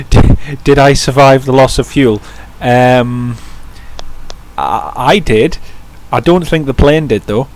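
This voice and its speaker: A man casually commentates a live stream of a flight simulator, chatting with viewers, answering their chat and often restarting sentences to correct himself. His mid-range voice is a little mellow and slow-paced.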